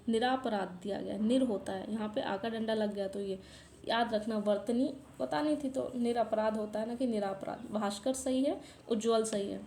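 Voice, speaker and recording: Mellow-voiced woman teaching in an echoey room. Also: fairly high pitch. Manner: patient, repeats corrections, talks to students directly. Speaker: exam-prep teacher. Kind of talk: explaining a past exam paper. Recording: echoey room, faint background noise.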